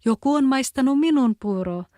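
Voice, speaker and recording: Woman doing a tiny bear cub voice, kven accent, high and squeaky, storybook. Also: lively intonation, dark tone, no room sound, clean studio sound. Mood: upset. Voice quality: small high voice. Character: small child bear, squeaky and upset.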